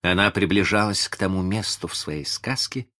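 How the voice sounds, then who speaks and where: A man narrating a children's audiobook in an expressive storytelling manner. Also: low voice, moderate pace. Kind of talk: scripted narration of a children's book.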